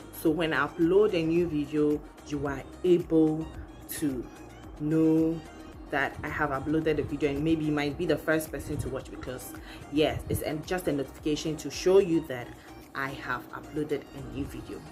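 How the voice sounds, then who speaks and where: Recorded in her living room with music playing behind her, a young channel host with a Ghanaian accent chats casually and expressively to camera. She speaks at normal speed in a low, darkish voice with fairly even intonation.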